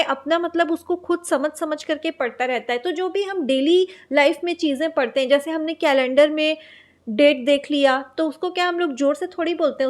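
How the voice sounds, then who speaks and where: A woman teacher, explaining exam material in Hindi. She reads out lines from her notes slowly and asks and answers her own questions. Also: high voice. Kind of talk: exam-prep lecture.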